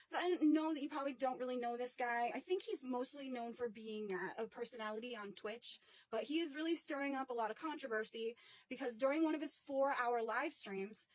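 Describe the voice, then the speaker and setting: A woman's voice: high voice, no echo, rough recording. A woman hosting a casual commentary vlog, chatty and indignant, with many fillers and restarts. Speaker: commentary channel host.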